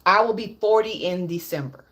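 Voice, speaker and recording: Her voice is mid-range and a bit bright, moving at a normal speed. The late-thirties livestream host talks candidly and crudely, restating her points to drive them in.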